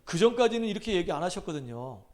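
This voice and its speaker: High-voiced Korean-language pastor preaching emphatically. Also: male voice, big pitch swings, fast, darkish tone. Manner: emphatic preaching, acting out scripture quotes with rising and falling intensity. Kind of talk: sermon.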